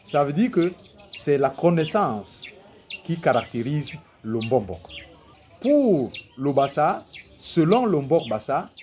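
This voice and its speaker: A man's voice: fairly high pitch, very animated, darkish tone, slight background noise. A man explaining a traditional concept, asking himself questions and answering them as he teaches. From Cameroon. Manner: deliberate, poses rhetorical questions and answers them.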